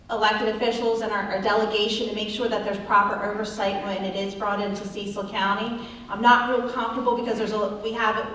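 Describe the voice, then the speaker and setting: A woman's voice: mid-range voice, a bit bright, a little hiss or hum. A woman council candidate answering forum questions earnestly, with frequent ums and restarts. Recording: echoey hall, distant mic.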